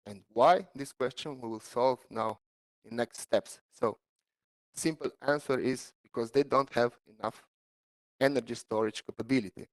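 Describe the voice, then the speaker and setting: Guy presenting his phd work on a video call, halting, lots of uh's, mid pitch. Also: poor audio. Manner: halting, many fillers, non-native phrasing. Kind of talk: online seminar talk.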